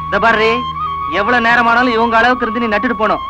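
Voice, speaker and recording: A man's voice: extremely high pitch, flat delivery, fast, music in the background, low-quality recording. An actor playing a young village man who oversees the field workers, scolding and then tender with his cousin. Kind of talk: TV drama acting.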